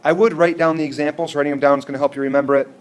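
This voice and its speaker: This math teacher's voice is a little high, clear and resonant, racing along with fairly even intonation. He's lecturing an algebra class in a classroom, explaining each step and repeatedly checking that students keep up.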